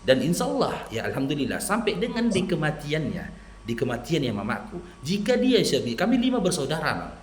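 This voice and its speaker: A Medan-accented male preacher talks straight to a listener and acts out bits of dialogue as he tells his stories. His pitch rises and falls in wide swings. The voice rings in an echoey room over a faint hiss. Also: fairly quick. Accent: Medan Indonesian. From Medan, North Sumatra. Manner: lively storyteller who acts out quoted dialogue. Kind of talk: persuasive religious talk to a listener.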